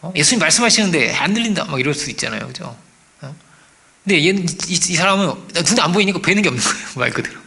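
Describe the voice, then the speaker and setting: A man preaching a sermon as pastor, animated, asking the congregation for agreement and acting out quoted voices. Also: on the high side, quick pace, creaky. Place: church.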